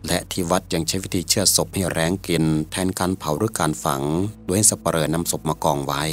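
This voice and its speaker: Deep-voiced male story narrator.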